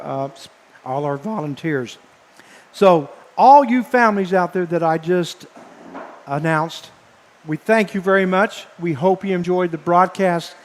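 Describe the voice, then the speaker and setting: A man broadcasting baseball, signing off live from the press box, speaking haltingly and earnestly with many fillers, emotional and choked up. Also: fairly high pitch. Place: press box above a ballpark. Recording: long hall-like reverb.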